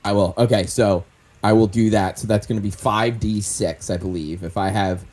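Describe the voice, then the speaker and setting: A man's voice: on the low side, fairly even intonation, normal speed, darkish tone, slight background noise. A man taking part as a player in a tabletop game, thinking aloud and restarting his sentences. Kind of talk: casual tabletop play.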